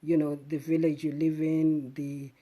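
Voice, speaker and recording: A middle-aged woman talks to her live-stream viewers in a low, mellow voice. She speaks in a thoughtful, unhurried way, often pausing on "um" and "uh" and restarting sentences. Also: little pitch movement. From Zimbabwe. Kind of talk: casual reflective live stream talk.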